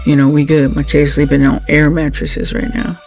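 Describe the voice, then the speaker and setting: A woman with a gravelly, creaky voice talks straight to her viewers in a heartfelt thank-you. She speaks earnestly and with faith, often pausing and starting her sentences over. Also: sits low, little pitch movement, darkish tone, faint music behind. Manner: earnest and religious, halting with many fillers and restarts. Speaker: channel host, wife of the late channel owner.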